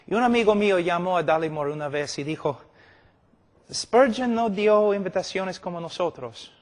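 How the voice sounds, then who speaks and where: A middle-aged man preaches at a church conference, teaching a seated audience in a large indoor meeting hall with long, echoey reverb. His voice sits high with lively intonation at a moderate pace, and he repeats phrases emphatically for stress while telling illustrative stories.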